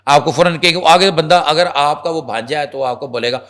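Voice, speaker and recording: A male reporter on a TV talk show, telling stories in an animated way and addressing viewers directly. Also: fairly high pitch.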